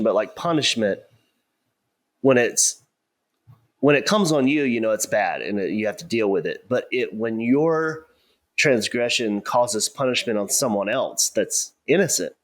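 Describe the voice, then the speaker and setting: A man's voice: medium pitch, expressive. A man co-hosting a podcast, chatting casually about the Bible and cracking playful jokes. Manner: playful, quick to laugh and joke. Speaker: podcast co-host. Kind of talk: casual Bible study chat.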